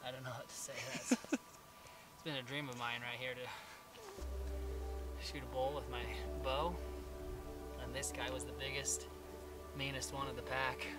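A man's voice: medium pitch, level tone, unhurried, long pauses. A bowhunter talking outdoors in breathless, awed bursts, repeating his exclamations. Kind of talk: excited field chatter. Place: outdoors in open country. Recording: loud music over the voice.

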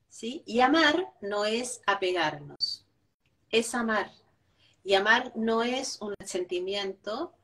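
Slow, measured woman, distant mic. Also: medium pitch, fairly bright tone. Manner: measured, adds questioning tags after each point. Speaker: interview guest. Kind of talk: reflective spiritual talk.

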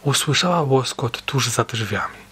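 A man reading a story aloud in a steady, measured way, as an audiobook narrator. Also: mid-range voice, breathy edge.

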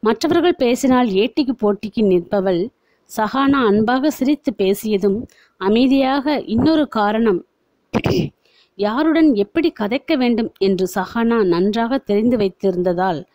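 A woman reading a novel aloud in steady, even narration. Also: fairly high pitch, a little slow, no echo, rough recording.

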